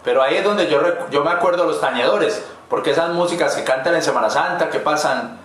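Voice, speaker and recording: A man's voice: a little high, quick pace, fairly bright tone. A man pastor preaching a sermon in a rambling, folksy way with asides to the congregation. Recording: very echoey church hall with faint noise.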